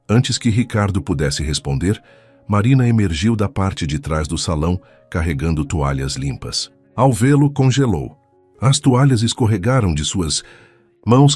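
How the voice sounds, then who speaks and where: A man narrating a scripted dramatic story in a measured way. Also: sits low, a little mellow, husky.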